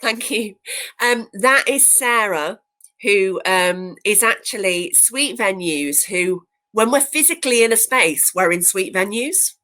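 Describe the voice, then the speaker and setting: A woman's voice: medium pitch, expressive, a little slow, pushed and bright. A woman hosting a comedy night over a video call, chatty and informal, with small hesitations.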